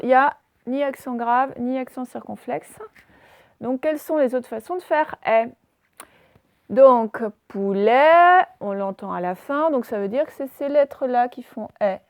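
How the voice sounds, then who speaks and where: Woman, primary school teacher, recorded lesson, deliberate, spells words out, bright-ish pitch, dry sound. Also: dry recording. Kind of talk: recorded phonics lesson for young pupils. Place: room with a whiteboard, filmed on her own camera.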